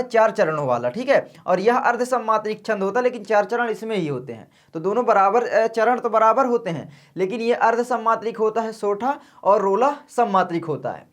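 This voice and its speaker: A man teaching an exam-prep lesson in a calm, slow, soft-spoken way, repeating key points and speaking to his students kindly. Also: high voice.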